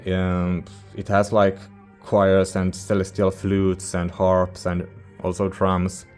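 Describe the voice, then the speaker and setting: Faint music sits under a male music reviewer and channel host whose low voice stays very even in intonation. Not a native English speaker, he rambles casually in an informal, halting way, often searching for words.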